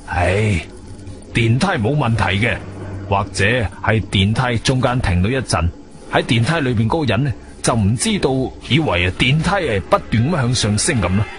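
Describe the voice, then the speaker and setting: An actor with a Guangzhou Cantonese accent playing a weary, sceptical police colonel in a radio drama, speaking in a hesitant, official manner. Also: male voice, medium pitch, animated, normal speed, close to an everyday voice. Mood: dismissive. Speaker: supporting actor. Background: music.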